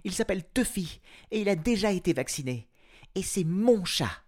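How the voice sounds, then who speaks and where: A man's voice: sits high, expressive, moderate pace, voice pushed up. A man voicing a young girl who pleads tenderly for her lost cat. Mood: insistent.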